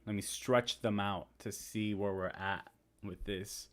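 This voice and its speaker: On his informal live stream, a young man with Spanish as his first language goes over trading charts and reads and replies to viewer comments, keeping things chatty. His pitch is fairly low, his intonation fairly even, and his pace measured.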